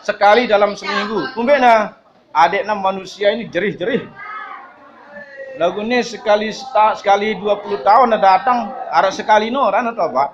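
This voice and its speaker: A man delivers an Islamic study sermon. He is lively, mixes humor in and mimics the people he talks about. The recording sounds dull and lo-fi. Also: high-pitched, fairly quick, noisy background. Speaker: preacher.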